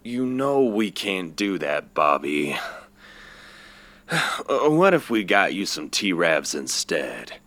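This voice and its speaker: A man leading a comedic group scene, deadpan and teasing, then reassuring. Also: deep voice, slow, no room sound.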